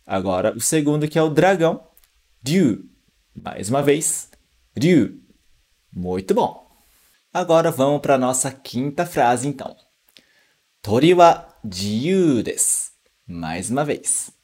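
A man's voice: a little high, darkish tone. A man teaching Japanese pronunciation in an online lesson, patiently repeating each word for practice.

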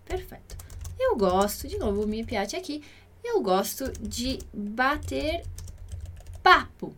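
A woman teaching an online language lesson, modeling pronunciation by repeating words slowly and clearly. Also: high voice, very animated, a bit bright, a little hiss or hum. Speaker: Italian teacher.

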